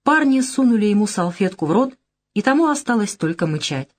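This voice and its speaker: A woman narrating an action audiobook in a steady, matter-of-fact reading. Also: medium pitch, brisk. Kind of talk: scripted narration.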